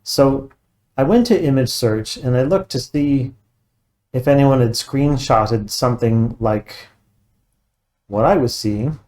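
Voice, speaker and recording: A man's voice: medium pitch, slow pace, long pauses, a little mellow. A man working as a computer repair technician talks through a casual tech walkthrough, methodical and matter-of-fact, thinking aloud as he goes.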